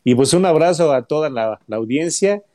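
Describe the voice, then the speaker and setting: Mellow, courteous man. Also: fairly high pitch, expressive, normal speed. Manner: warm, courteous, a bit effusive. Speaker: insurance expert co-host. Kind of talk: casual chat.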